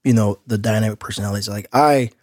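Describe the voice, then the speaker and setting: A man's voice: fairly low pitch, fast, darkish tone, dry recording, studio quality. A man co-hosting a podcast in casual chat, talking in loose street slang with an outgoing manner. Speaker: podcast co-host.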